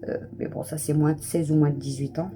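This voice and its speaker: Chatting to camera at home right after her shower, a family vlogger in her thirties rambles casually and fills her speech with fillers. She sounds low-pitched, mellow and steady in tone, speaking fairly quickly, with slight background noise.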